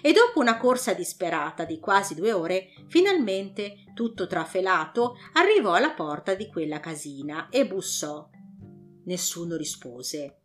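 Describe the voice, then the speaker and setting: A woman narrating a classic storybook with an animated, dramatic reading. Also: lowish voice, unhurried, faint music behind. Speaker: audiobook narrator.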